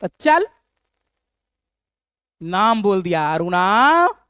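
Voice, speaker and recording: A man's voice: high-pitched, sing-song, extremely slow, bright, forceful tone, clean tone, no echo, studio quality. A male geography teacher with a Bihari accent who teaches a memory trick through a playful, repetitive story and draws out key syllables.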